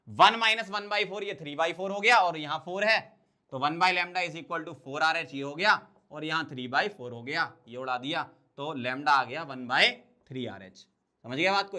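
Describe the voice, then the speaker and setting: A man teaching exam-prep chemistry, quickly asking questions and answering them himself. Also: high voice, bright, forceful tone. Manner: quick, drilling, asks and answers his own questions. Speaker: chemistry tutor.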